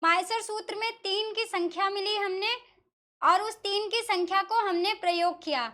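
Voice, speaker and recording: A woman's voice: very high-pitched, moderate pace, pushed and bright. A woman teacher from northern India explaining a lesson step by step, asking questions and answering them herself. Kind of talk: classroom lesson explaining Sanskrit pronunciation.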